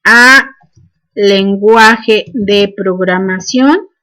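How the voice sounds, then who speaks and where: A woman's voice: medium pitch, drawn-out words, sharp tone. A woman, teaching a programming class and dictating each step with "este" fillers. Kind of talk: screen-recorded coding lesson.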